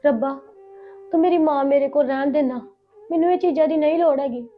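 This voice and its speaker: A grieving daughter, tearful and pleading, played by a woman with a bright, high voice. The recording sounds slightly dull. She speaks in the measured way of a family drama. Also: faint music behind, close to an everyday voice. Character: grieving married daughter who has lost her mother. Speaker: lead character Simrat. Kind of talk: Punjabi family drama acting.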